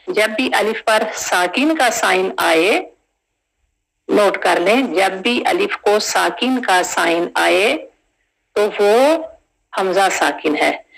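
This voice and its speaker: A woman teaching Quran recitation rules, drawing out syllables slowly and patiently, often asking her students check questions. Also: medium pitch, gravelly, a bit bright, rough recording. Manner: drawn-out syllables, patient step-by-step explanation with frequent check questions. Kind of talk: tajweed lesson, slow spelled-out recitation.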